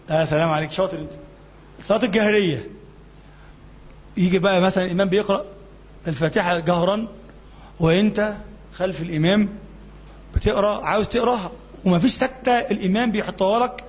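A high-voiced Egyptian man teaches a religious lesson at a brisk clip, asking questions and answering them himself. The recording is dull and lo-fi, with a long reverb from the mosque hall. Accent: Egyptian Arabic. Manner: colloquial, asks the class questions and answers them, demonstrates chanting. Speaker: sheikh teaching jurisprudence. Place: mosque classroom.

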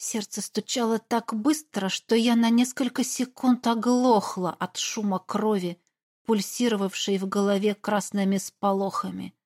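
A woman's voice: mid-range voice, fairly even intonation, measured pace, a little mellow. A woman giving a tense, dramatic first-person audiobook narration.

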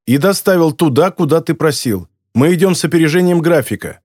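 A man's voice: fairly high pitch, animated, a little fast, a little mellow, slightly rough, dry recording, clean studio sound, pitched above the performer's own voice. A man voicing a hot-tempered former soldier in an audiobook, talking in a defiant, blustering way. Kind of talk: audiobook character voice.

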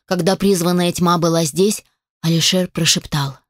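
A woman reading a fantasy audiobook as narrator in scripted narration, even and measured. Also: medium pitch, no echo, clean studio sound.

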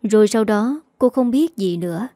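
A woman narrating a romance story in a calm, steady reading voice. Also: medium pitch, normal speed, no echo, clean studio sound. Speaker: story reader.

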